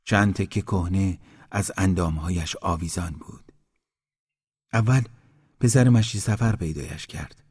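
A man reading a story aloud in a calm, measured way, giving each villager a voice. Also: sits low, breathy edge. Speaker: narrator.

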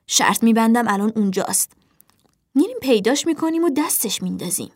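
A woman's voice: fairly high pitch, lively intonation. A woman voicing a bossy, self-satisfied young male crow who leads his siblings, speaking in a commanding tone. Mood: scheming. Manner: commanding, smug.

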